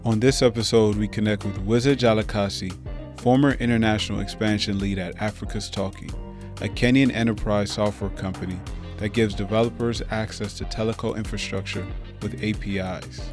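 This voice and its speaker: Low-voiced male podcast host. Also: steady tone, normal speed, over music. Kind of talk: scripted podcast narration.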